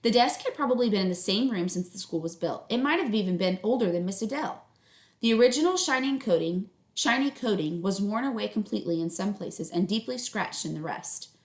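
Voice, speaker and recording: Her voice medium in pitch and animated, a woman reads a story to young listeners as a teacher might, with pauses for explanation. She quizzes them to check understanding and affirms their responses, and the room sounds echoey.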